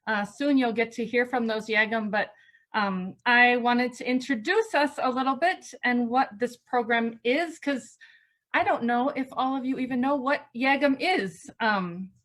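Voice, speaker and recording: A woman's voice: fairly high pitch, sharp tone. A woman pastor hosting an online presentation, explaining informally with many fillers over a video call. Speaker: pastor and program coordinator, host.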